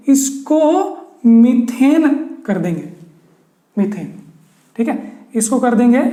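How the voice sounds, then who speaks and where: Male teacher, classroom lesson, quizzing students, repeating key terms, mellow tone, roomy echo. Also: very high-pitched.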